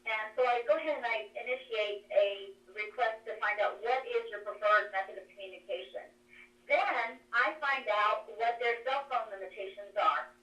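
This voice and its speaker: A woman's voice: fairly high pitch, normal speed, a bit bright. Woman, phone call, cave-like echo, far from the mic, methodical. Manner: methodical, explains step by step. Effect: cave-like echo over a phone line. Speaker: coach. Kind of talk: presentation on a conference call. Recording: echoey distant phone line.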